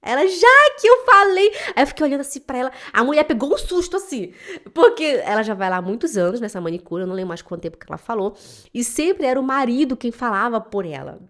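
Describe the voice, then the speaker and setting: A woman with a voice pitched a little high speaks directly to her viewers. She is a German teacher, and she talks in an emotional, emphatic way in a motivational home vlog. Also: fast. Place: home in Switzerland.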